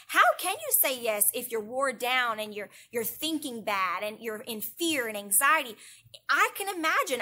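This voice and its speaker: A woman's voice: high voice, sharp tone, slightly rough. A woman, a church youth director giving an earnest devotional talk, repeating phrases for emphasis and rising into prayer. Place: indoors, online church broadcast.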